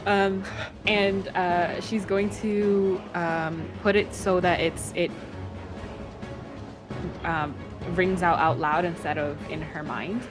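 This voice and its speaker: Hesitant slow-talking woman player, music behind. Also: on the low side, fairly even intonation. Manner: hesitant, many ums, trails off. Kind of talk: casual chat while playing a tabletop game.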